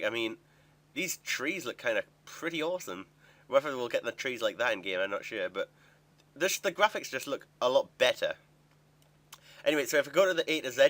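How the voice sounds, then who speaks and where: Young male gaming vlogger, casual unscripted screen-capture commentary, thinks aloud as he goes, mid pitch. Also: a bit bright. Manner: chatty, thinking aloud while clicking through a website. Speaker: gaming video creator.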